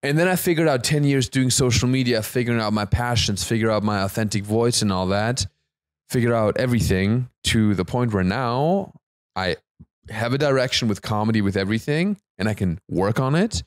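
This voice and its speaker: A man's voice: medium pitch, a little fast, no room sound, clean studio sound. A man, hosting a casual podcast chat in a rambling way and laughing often. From Germany. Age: 20s. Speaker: podcast host.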